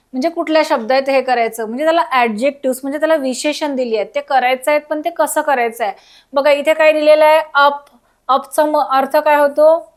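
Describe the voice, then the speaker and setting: A woman teaching a recorded school lesson, spelling words out letter by letter and asking children questions. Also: sits high.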